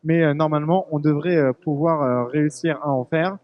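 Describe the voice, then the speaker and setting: A man's voice: fairly high pitch, moderate pace, dull audio. A young man reporting live from a busy fair hall, chatty and joking. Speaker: field reporter.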